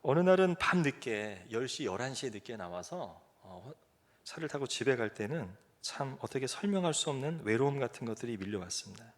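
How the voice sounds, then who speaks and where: A man's voice: mid-range voice, big pitch swings, brisk. Korean pastor telling his own story. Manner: conversational, self-deprecating with light laughter. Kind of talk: sermon with personal testimony. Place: church sanctuary.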